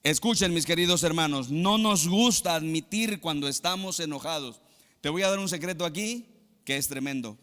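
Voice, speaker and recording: Male Mexican pastor, emphatic sermon delivery, bright tense tone, long hall echo. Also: normal speed. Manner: emphatic preaching, swings between loud exclamations and low asides.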